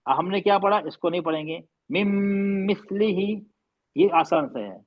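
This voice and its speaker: A man teaching a recitation class, patiently explaining and slowly drawing out and repeating recited words. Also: sits high, no echo, highs cut off.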